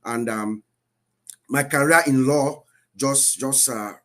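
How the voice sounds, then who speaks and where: A man's voice: medium pitch, slow pace, sharp tone. A man in his fifties who grew up in Cameroon, a guest speaker telling his life story on a live stream in an earnest, repeating way. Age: 50s.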